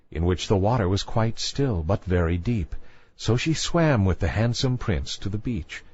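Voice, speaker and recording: A storyteller with a fairly low male voice narrates a fairy tale for children, his intonation rising and falling in a highly animated way. There's no room sound at all; the audio is very dry, a bit muffled, and lo-fi dull.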